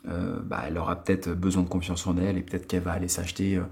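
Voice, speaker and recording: Male vlog host, late 30s, from France: gravelly fry, casual rambling delivery full of fillers, attic room. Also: sits low, monotone, racing, a little mellow. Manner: rambling, many fillers and restarts. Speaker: watch channel host. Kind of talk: casual vlog talk to viewers.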